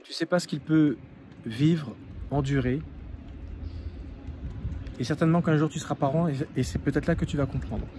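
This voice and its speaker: A man's voice: fairly high pitch, moderate pace, pauses often, warm tone, slight background noise. A man coaching the viewer directly, earnest and repeating key phrases for emphasis. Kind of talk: advice monologue to the viewer.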